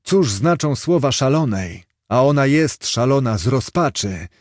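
A man voicing a noble, wounded young knight who speaks with calm dignity in a storybook reading. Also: medium pitch, a little slow, no echo, clean studio sound. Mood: dignified.

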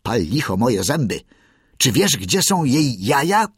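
A man voicing a brave male mongoose who talks in a brisk, commanding way. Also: mid-range voice, big pitch swings, slightly rough, dry recording, clean studio sound, pitched above the performer's own voice, exaggerated voice. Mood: urgent. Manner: urgent, commanding.

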